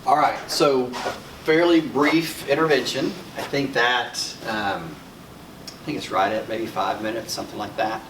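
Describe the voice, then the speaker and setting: An unhurried, medium-pitched voice with fairly even intonation belongs to a middle-aged man with an Arkansas accent, from Arkansas in the United States, who instructs a conference workshop. He chats with attendees, asks them questions, and echoes back what they say. The sound is roomy and distant, with faint background noise in the conference room.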